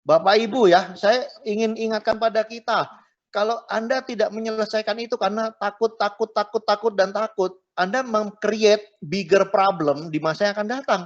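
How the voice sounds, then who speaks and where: This man's voice is high and moves at a moderate pace. He's a middle-aged pastor leading a marriage class conversationally, adding tags to his phrases and mixing in English, captured on a dull lo-fi recording.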